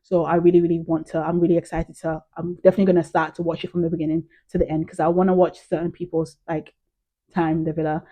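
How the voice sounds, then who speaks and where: A woman's voice: lowish voice, little pitch movement, quick pace, dark tone. A young British woman chatting casually to camera as a vlogger, gushing and full of "like" and "um". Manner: chatty, gushing, heavy use of "like" and "um".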